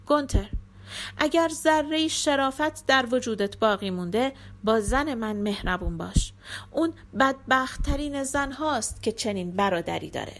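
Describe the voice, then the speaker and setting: A woman's voice: sits high, expressive, fairly bright tone. A woman voicing a wounded young male hero who reproaches his betrayers with pain in his voice. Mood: dying plea. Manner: pained, pleading reproach.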